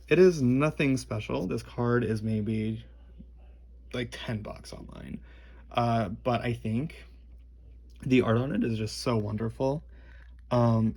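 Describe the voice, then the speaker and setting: A young man talks casually through a show-and-tell in a gravelly, husky voice with a noticeable lisp. He rambles and restarts, swearing freely as he goes. His pitch sits at an ordinary male level. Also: darkish tone. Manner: rambling, halting, enthusiastic wording. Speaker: card collector presenting a collection.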